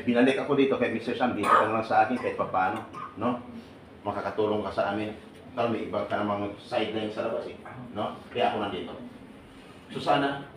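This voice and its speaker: A man giving a lively seminar talk to a live audience, joking and asking the listeners questions. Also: on the low side, slight background noise. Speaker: seminar speaker for overseas workers. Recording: echoey hall, voice from far off.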